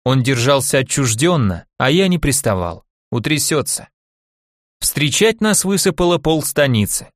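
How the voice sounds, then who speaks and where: A male audiobook narrator telling the story in the first person at an even pace. His voice sits at an ordinary pitch, and the recording is dry and close. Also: normal speed, dry recording.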